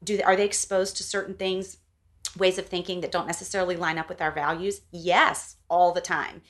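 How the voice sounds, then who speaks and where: A woman's voice: on the low side, little pitch movement, normal speed, fairly bright tone. A middle-aged woman from the American South, talking in a casual, emphatic podcast conversation and laughing now and then. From Southern United States.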